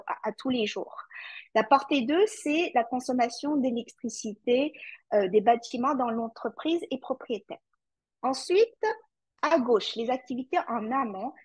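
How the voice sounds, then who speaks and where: A woman's voice: a little high, breathy edge, no room sound, rough recording. A woman with a French accent presenting a webinar as a climate consultant, speaking directly to her audience with frequent hesitations and fillers. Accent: French (France).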